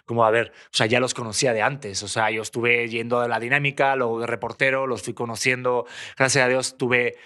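A man from Spain who talks quickly with a Spanish accent, softened by years in Mexico, chatting playfully as a guest and swearing casually. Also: mid-range voice, level tone. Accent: Spanish from Spain, softened by living in Mexico. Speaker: TV host and actor, podcast guest. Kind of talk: casual chat.

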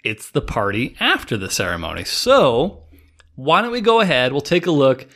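A man's voice: mid-range voice, big pitch swings, moderate pace, a bit bright. A man in his thirties hosting a show, casually chatting and recapping clips. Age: 30s. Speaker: podcast host.

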